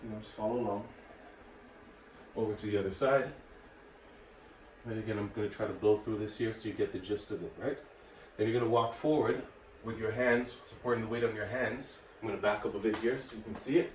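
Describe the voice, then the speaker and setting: Deep-voiced and steady, a martial arts and fitness instructor in his late thirties gives casual workout instruction to camera at a fairly quick pace. The recording is echoey and distant, with faint noise.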